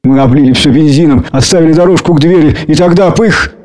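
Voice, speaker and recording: A man voicing a grim, stern middle-aged mother who speaks slowly and heavily, giving orders. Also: fairly high pitch, a little mellow, close to an everyday voice. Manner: slow, heavy, commanding.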